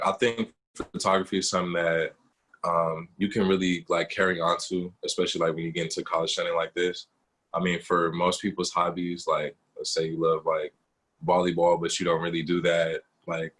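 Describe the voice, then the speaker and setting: A young man, a photographer guest, chatting casually in an interview and telling animated stories full of fillers. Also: deep voice, slightly rough, poor audio. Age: young adult. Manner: animated storytelling with lots of fillers.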